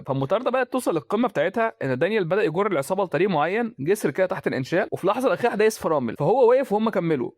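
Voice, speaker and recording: A man's voice: sits high, no room sound, clean studio sound. A man with an Egyptian Arabic accent narrating a film recap in a chatty, casual way with colloquial asides.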